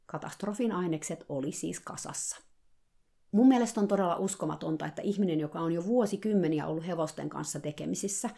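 Gravelly low-voiced woman telling a story. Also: mellow. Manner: wry, dryly sarcastic asides; conversational, colloquial. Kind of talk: personal story narration.

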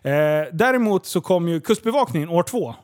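A man in casual podcast chat, telling a story in an animated way, swearing freely and acting out the dialogue. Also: high-pitched.

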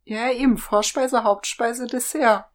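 A woman's voice: fairly high pitch, fairly even intonation, a little slow. A woman co-hosting a podcast, chatting casually and making wry, teasing remarks. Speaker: podcast co-host. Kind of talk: casual chat.

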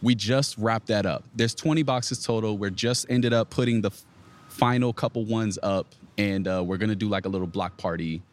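Chill muralist guy from virginia, low-ish voice, easygoing interview chat. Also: moderate pace. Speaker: muralist guest. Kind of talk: casual interview.

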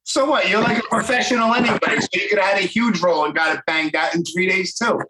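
A man's voice: high-pitched, quick pace, echoey room, background noise. A man with a Brooklyn accent hosting a podcast interview, chatty and enthusiastic in casual talk. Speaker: podcast host.

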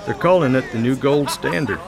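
Unfazed farmhand, male actor, comic radio ad, mid-pitched, matter-of-fact, music bed. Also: fairly quick, gravelly, natural voice. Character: unfazed farmhand explaining an excited friend, pitching product. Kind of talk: comic radio commercial dialogue.

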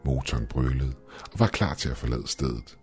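A man narrating a first-person horror story in a measured, steady way. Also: very deep voice, husky. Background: faint background music.

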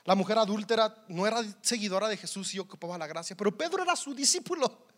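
A man's voice: high voice, expressive, quick pace, a bit bright. A man with a Mexican accent preaching a sermon in a conversational, humorous way, often repeating words as he goes.

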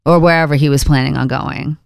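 A woman co-hosts a casual chat with a low, smooth, clear voice. She talks in a loose, chatty way and swears now and then. The sound is dry and close. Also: steady tone, fast, dry recording. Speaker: podcast co-host.

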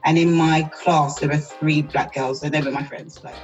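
A woman, a guest on an interview podcast. She talks in a relaxed, chatty and thoughtful way and laughs often. Faint music runs underneath her voice. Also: deep voice, normal speed, muffled recording. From South East London, England. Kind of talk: casual interview chat.

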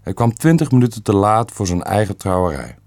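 Calm deep-voiced male storyteller. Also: brisk, dry recording. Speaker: narrator. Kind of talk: scripted narration of a family story.

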